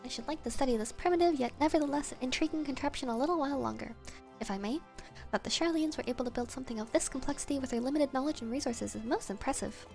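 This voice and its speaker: A woman's voice: high voice, fast, gravelly, darkish tone. A woman voicing a prim, formal visiting culinarian who is eager for food, in old-fashioned phrasing. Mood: curious. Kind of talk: reading game dialogue aloud. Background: game music.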